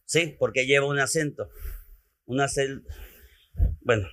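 A man's voice: medium pitch, a little slow, pushed and bright. A man with a Mexican accent preaching a teaching sermon, repeating phrases and calling his listeners beloved.

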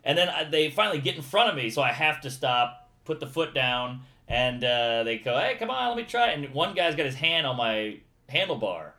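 A man's voice: medium pitch, normal speed, few pauses. A man from New Orleans telling a childhood story in casual chat, acting out the voices of people in it. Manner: animated storyteller, acts out quoted voices. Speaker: guest.

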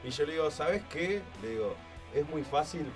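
A man's voice: on the high side, animated, fairly quick. A man with an Argentine accent telling a story and giving his opinion in casual radio chat. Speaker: radio panelist. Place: radio studio. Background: music.

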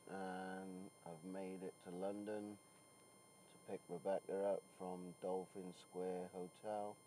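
A man's voice: deep voice, dark tone, low-quality recording. A middle-aged man, a swimming coach, talking informally as he records a podcast diary of his working day. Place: on the move: car, outdoors, poolside. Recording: background noise from travel and outdoors.

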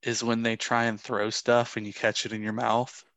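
A man from Florida chats casually on a podcast in an easygoing, rambling way. His voice sits mid-range with a gravelly fry, and the sound is close and dry. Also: medium pitch, flat delivery, moderate pace, fairly bright tone, dry recording. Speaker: podcast co-host. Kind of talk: casual chat.

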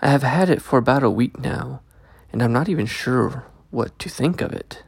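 A man narrating a scripted first-person story as a host, with a gravelly, creaky voice, close to the microphone. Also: mid-range voice, normal speed, no echo. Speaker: host and story reader of a podcast.

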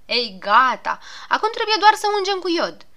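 A woman's voice: extremely high pitch, very animated, pushed and bright, voice pushed up, full character voice. A woman voicing a fussy, grumbling male gnome doctor who coaxes and scolds in a storybook reading. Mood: fussing. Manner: soothing then scolding, fussy.

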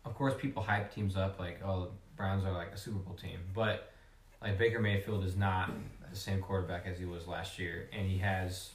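A man's voice: low voice, level tone, normal speed, far from the mic. A man on a casual podcast panel, rambling with lots of filler words. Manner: rambling, lots of "like" and "you know". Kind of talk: casual chat about fantasy football. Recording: roomy echo, a bit off mic.

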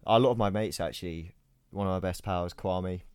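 A man's voice: sits low, moderate pace, clean tone, no room sound. A young man, chatting enthusiastically on a podcast, hesitating and repeating himself often. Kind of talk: casual chat.

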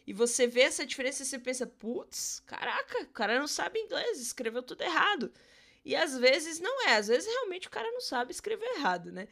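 A woman's voice: a little high, fairly bright tone. A Brazilian woman teaching English in a casual podcast lesson, chatty, often checking in with her listeners and spelling words out letter by letter. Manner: chatty, checks in with tag questions.

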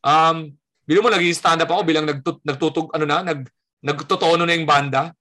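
A high, bright-voiced man from the Philippines is telling a story in casual chat. He is a stand-up comedian, and he acts out each quote in his tale with a lot of energy. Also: fairly quick. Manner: animated storyteller acting out quotes.

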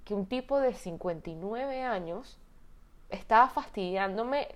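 A woman in her twenties with a Venezuelan Spanish accent, telling a story in casual chat, animated and exasperated, swearing freely. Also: mid-range voice, unhurried. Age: 20s.

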